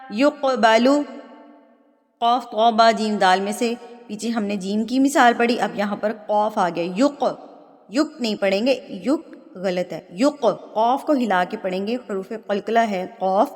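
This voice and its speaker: A woman teaching Quran recitation, who explains pronunciation rules patiently step by step and then recites the verses slowly, drawing out each word. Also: mid-range voice. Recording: long hall reverb.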